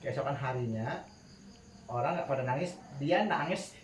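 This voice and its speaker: In a relaxed, talkative tajwid lesson, a man at medium pitch and moderate pace teaches his students the rules of Quran recitation, laughing as he shares anecdotes and often chanting melodically to show examples. He sounds distant, in a spacious room with faint crickets, and there's a little hiss or hum.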